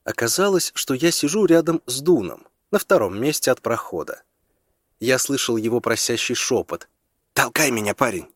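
Brief: male audiobook narrator, calm deliberate delivery, dry booth. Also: mid-range voice, no echo. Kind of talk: scripted narration.

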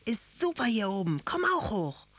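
A woman voicing a small, excitable young boy who cries out high and bright in a storybook reading. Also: moderate pace, slightly rough, no echo, full character voice. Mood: excited. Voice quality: high and bright when crying out.

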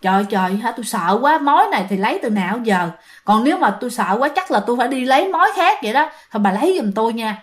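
A woman voicing a frightened middle-aged woman cake seller who pleads in hushed, breathless words. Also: on the high side, animated, rapid-fire, lightly acted. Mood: frightened pleading.

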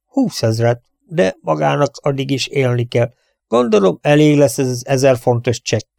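A man's voice: mid-range voice, animated, gravelly, darkish tone, dry recording, clean studio sound, voice pushed up. A man voicing a cheerful, dignified prince who turns mock-stern. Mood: jovial. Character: jovial, dignified, scheming male prince.

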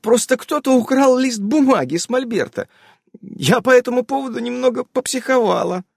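Audiobook witch: male reader doing a fussy mother who scolds in a high, chirpy voice, dry and close. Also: normal speed, gravelly, no echo, full character voice. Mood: flustered.

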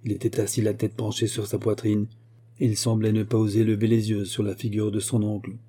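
A man narrating a novel as an audiobook reader, in a measured, steady way. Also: on the low side. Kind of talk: scripted narration.

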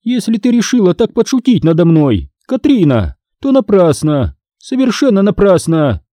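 Brief: male reader as strict older schoolteacher, woman, raised pitch, snappy scolding. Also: very animated, normal speed, mellow, no echo. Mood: stern. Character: stern older woman schoolteacher, grey-haired.

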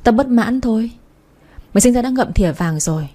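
A woman's voice: a little high, animated, a little fast, dark tone. A woman voicing a spiteful, envious young woman who sneers at her rivals. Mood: sneering.

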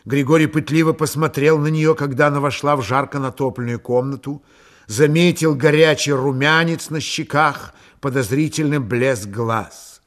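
A man narrating a literary audiobook in a calm, measured, unhurried way. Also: on the high side.

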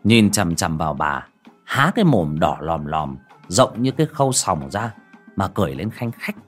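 A man narrating a horror story in a dramatic, expressive way. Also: deep voice, normal speed, faint music behind.

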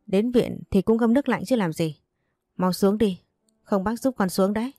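A woman's voice: mid-range voice, mellow, no room sound, studio quality, close to an everyday voice. A woman voicing a stern, bossy old man. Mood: commanding. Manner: barking brisk orders. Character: stern older man, domineering father figure.

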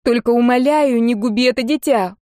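A woman's voice: on the high side, a little fast, darkish tone, dry recording, clean studio sound, pitched above the performer's own voice, natural voice. A woman voicing a humiliated captive countess who pleads in a raised, urgent voice. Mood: pleading. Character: desperate, humiliated captive noblewoman.

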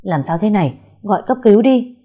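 A woman's voice: fairly low pitch, lively intonation, fast, mellow, slightly rough. A woman voicing a nagging middle-aged mother. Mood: alarmed. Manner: scolding, urgent.

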